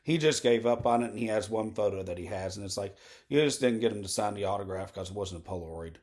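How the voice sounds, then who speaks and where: A man hosting a political commentary show, talking in a candid, digressive monologue, slightly hoarse and clearing his throat. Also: lowish voice, fast talker, a little mellow. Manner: candid, digressive, many fillers and tangents. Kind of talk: rambling unscripted monologue.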